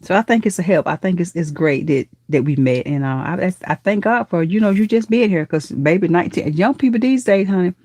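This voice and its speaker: Woman host, live chat, fairly low pitch, dry sound, affectionate, churchy. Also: animated, fairly quick, hardly any pauses, no room sound. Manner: warm affectionate auntie talk, calls viewers baby and honey; churchy, speaks of God and blessings. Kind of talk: casual live chat reading comments.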